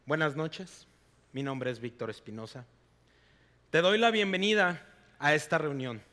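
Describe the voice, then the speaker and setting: A male pastor giving a sermon in a church hall, reading scripture in a slow, deliberate way. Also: on the high side, pushed and bright. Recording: long reverb of a large hall.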